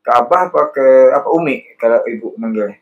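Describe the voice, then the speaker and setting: A man's voice: medium pitch, expressive, quick pace, dull audio. A man hosting a podcast, asking friendly, curious questions in a casual chat. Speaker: podcast host.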